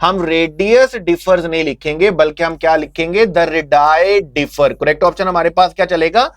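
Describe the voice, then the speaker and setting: A male teacher with a Pakistani Urdu accent going through exam answers, who asks his own questions and answers them and calls the students "bete". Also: a little high. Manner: calls students "bete", reads English options slowly. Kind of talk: exam answer discussion lesson.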